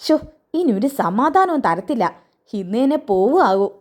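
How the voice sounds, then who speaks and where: A resentful middle-aged mother-in-law mutters and needles in a sly, grudging tone, put on by a woman. Her voice sits high and sharp against the rest of the family. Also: sing-song, normal speed.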